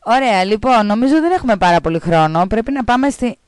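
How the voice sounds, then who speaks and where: A woman with a Greek accent, reading children's stories with a co-host on a radio show in a playful, animated way. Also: fairly high pitch, smooth, no room sound, studio quality. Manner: animated, playing a scolding teacher's lines.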